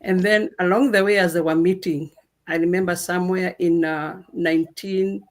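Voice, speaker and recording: Unhurried woman from Kenya telling a story. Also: lowish voice, fairly even intonation. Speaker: guest speaker. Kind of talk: casual panel talk.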